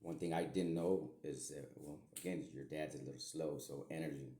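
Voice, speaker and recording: A man's voice: very deep voice, steady tone, moderate pace, dark tone, a little hiss or hum. A middle-aged man and podcast host, talking to his daughter in a meandering, repetitive way with some mild swearing. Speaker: podcast host, self-described medium. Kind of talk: rambling spoken message to his daughter. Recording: echoey room.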